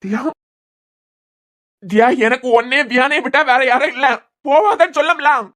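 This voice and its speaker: A voice actor playing a young husband in a cartoon serial, with a Kanyakumari Tamil accent, pleading and trying to calm his wife. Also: medium pitch, quick pace, lightly acted. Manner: pleading, soothing, insistent.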